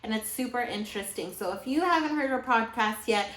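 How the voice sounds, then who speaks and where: A woman's voice: a little high, brisk, a bit bright. A woman co-hosting an investing podcast, chatting with upbeat enthusiasm. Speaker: podcast co-host. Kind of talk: casual podcast chat. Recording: roomy echo.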